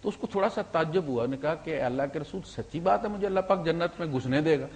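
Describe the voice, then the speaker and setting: Man, Islamic preacher, storytelling sermon, high voice, loud-soft swings, mixes in English words. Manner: animated storyteller, swinging between loud emphasis and quiet asides; sprinkles English words into his talk.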